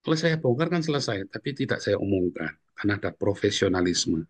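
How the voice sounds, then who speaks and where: A middle-aged man preaching a sermon as pastor, telling stories in a casual way and often turning to the congregation. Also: fairly quick. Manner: storytelling, addresses congregation as "saudara", lively swings in pitch.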